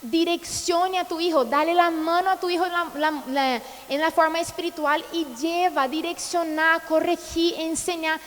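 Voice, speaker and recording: A woman's voice: very high voice, steady tone, moderate pace, few pauses, long reverb tail, slight background noise, poor audio. A woman pastor from Brazil preaching a sermon, passionate and full of rhetorical questions.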